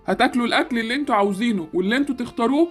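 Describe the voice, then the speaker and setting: Woman as a rapid-fire Egyptian male school principal. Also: a little high, soft background music, lightly acted. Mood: proud, congratulatory. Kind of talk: amateur game-animation story acting.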